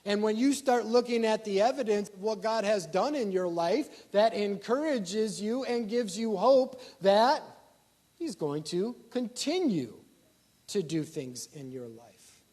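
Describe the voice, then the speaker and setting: A pastor preaching a sermon, asking the congregation rhetorical questions and swinging from loud emphasis down to quiet asides. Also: male voice, sits high, expressive, unhurried.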